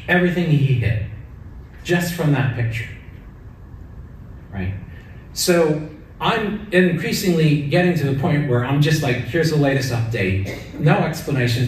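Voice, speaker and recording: A man's voice: medium pitch, slight background noise. A middle-aged man speaking as a keynote speaker at a lectern, earnest and personal, often checking in with "right?". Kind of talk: conference keynote talk. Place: large conference hall, at a lectern. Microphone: lectern mic, recorded from the audience. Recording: very echoey hall from far off.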